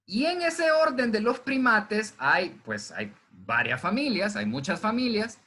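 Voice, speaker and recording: A man teaching a zoology class by video from home, talking to his students in a relaxed, conversational way and answering his own questions. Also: high-pitched, unhurried. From Honduras. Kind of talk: recorded online class lecture. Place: indoors at home during heavy rain. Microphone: computer microphone.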